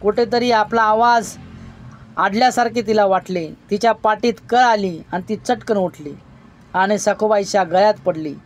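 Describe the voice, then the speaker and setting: A woman reading a Marathi village story aloud in a steady voice, with small slips and restarts. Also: mid-range voice, moderate pace, faint music behind. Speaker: narrator.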